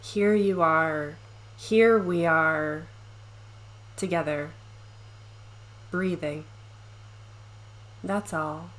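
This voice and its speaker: Heard through a rough recording, a low-voiced woman guides a meditation. Her short phrases come softly and calmly, each followed by a long pause.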